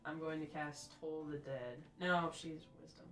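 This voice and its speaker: A woman's voice: deep voice, steady tone, a little slow, far from the mic. A woman playing a tabletop game, matter-of-fact as she calls out her rolls and spells. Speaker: player. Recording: roomy, off-mic, music behind.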